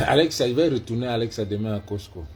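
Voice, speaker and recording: A man with an African French accent, vlogging casually as he mocks a voice assistant in loud, profane bursts. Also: mid-range voice, fast. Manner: loud, profane and mocking, switching between English and French. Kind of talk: casual vlog, heckling a voice assistant.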